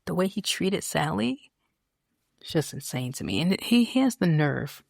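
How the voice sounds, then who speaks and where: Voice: mid-range voice, sing-song, normal speed, vocal fry, dry recording, clean studio sound. An American podcast host recapping a TV soap in casual, opinionated chat, with many fillers and restarts.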